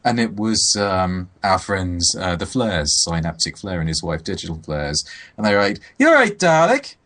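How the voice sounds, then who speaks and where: A man's voice: low-pitched, steady tone, normal speed, a bit bright. A man, co-hosting a casual podcast chat with dry, sardonic riffs. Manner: wry, sardonic riffing. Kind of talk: casual chat about games.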